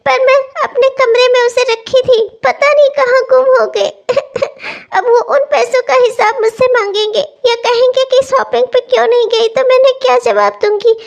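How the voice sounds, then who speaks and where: A woman's voice: very high-pitched, steady tone, brisk, vocal fry, hardly any pauses. A woman voicing a young, festival-loving newlywed housewife in a cartoon, talking eagerly and then sobbing and pleading. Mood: tearful. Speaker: cartoon voice actor. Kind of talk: cartoon voice acting.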